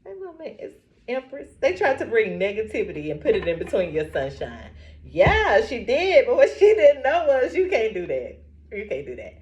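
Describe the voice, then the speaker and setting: A woman vlogging straight to camera in a loose, chatty way, bursting into laughter as she tells her stories. She repeats uplifting affirmations with a preacher-like rhythm. Her pitch sits in the middle and swings widely up and down. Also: normal speed, muffled recording. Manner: animated storytelling, frequent laughter. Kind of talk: casual chat to camera.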